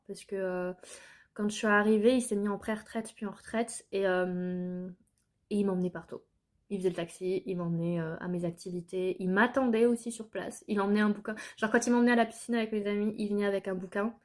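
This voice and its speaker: A woman's voice: medium pitch, a little mellow. A young woman from France telling her life story to the camera in an earnest, hesitant way, with many filler sounds and restarts.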